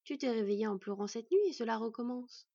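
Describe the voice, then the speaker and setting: A woman voicing a caring female wolf who speaks calmly in a storybook reading. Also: fairly high pitch, fast talker, creaky, breathy edge, dry recording, highs cut off. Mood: concerned.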